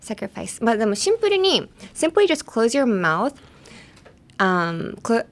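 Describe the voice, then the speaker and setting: A woman's voice: fairly high pitch, very animated, slow pace. A young woman hosting a bilingual English lesson, chatty and playful as she switches between English and Japanese. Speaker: English teacher host.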